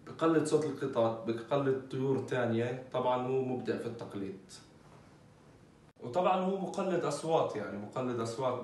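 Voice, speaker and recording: A man's voice: medium pitch, distant mic, a little hiss or hum. Man, casual bird vlogger, talks loosely with fillers, roomy echo, set back from the mic. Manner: chatty, many fillers, talks while handling birds. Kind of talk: casual informative vlog. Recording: echoey, off-mic with faint ambience.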